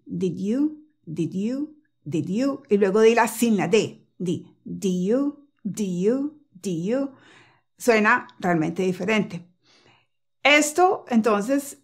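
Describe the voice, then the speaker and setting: A woman teaching English pronunciation to camera in a casual lesson, repeating example phrases slowly and patiently and reassuring the learner. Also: mid-range voice. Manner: reassuring and encouraging.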